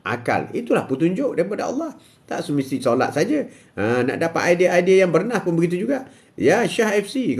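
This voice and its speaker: In a fairly high voice with a darkish tone, an older man with a Malaysian Malay accent hosts a religious live stream. He responds to viewers' comments emphatically and repetitively, punctuating his speech with "ha" again and again.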